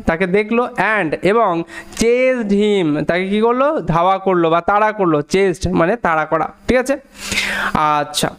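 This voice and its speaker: A man teaching a story line by line, reading the English words slowly and explaining them at a quicker pace, often checking that learners follow. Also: high-pitched, clear, resonant tone. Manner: slow and deliberate on English phrases, quicker in explanations; asks learners frequent check questions.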